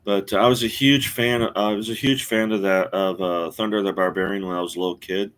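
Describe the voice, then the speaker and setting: A man in his forties talks casually to a live-stream audience in a lowish voice. He rambles and stops often, filling gaps with "uh" and "um" and restarting his sentences as he thinks out loud. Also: fairly even intonation. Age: 40s. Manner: rambling, halting with many fillers and restarts. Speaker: streamer host.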